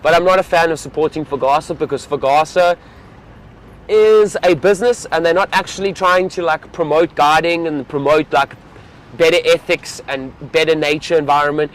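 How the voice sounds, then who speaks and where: A man's voice: a little high, fairly even intonation, normal speed. A young man, a safari field guide, chatting casually and enthusiastically to live-stream viewers from an open vehicle outdoors.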